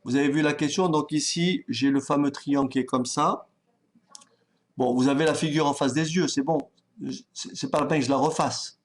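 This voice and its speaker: A man teaching a maths lesson, calm and patient, thinking aloud as he writes and often checking that his students follow. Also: on the high side, normal speed. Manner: talks directly to students, checks they follow. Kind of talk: online exam-prep lesson.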